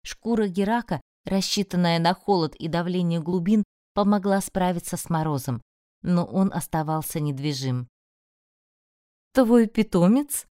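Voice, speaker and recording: Mellow-voiced woman narrating a story. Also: fairly low pitch, normal speed, no room sound, studio quality. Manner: expressive, emotional storytelling. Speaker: audiobook narrator. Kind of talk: first-person audiobook narration.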